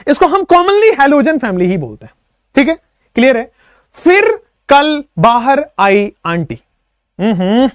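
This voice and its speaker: A male chemistry teacher with a high, bouncy voice that swoops up and down as he jokes with his students. He talks in a playful, teasing way and chants memory tricks in a sing-song. The sound is dry and close, with no room around it. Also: dry recording. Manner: playful, teasing, mixes English phrases; lively, sing-song when reciting mnemonics. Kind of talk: casual online lecture.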